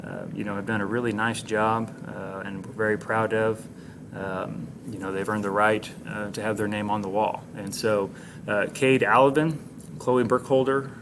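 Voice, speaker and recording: An American man speaking as a high school administrator, giving students informal, encouraging announcements like an orientation leader, with plain, halting phrasing. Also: little pitch movement, background noise.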